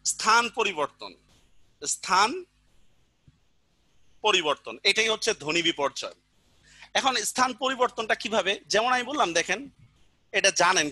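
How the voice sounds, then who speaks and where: A high, pushed, bright male voice on a dry recording. He is leading an online grammar lesson, patiently repeating examples and constantly asking the class check questions about whether they understood.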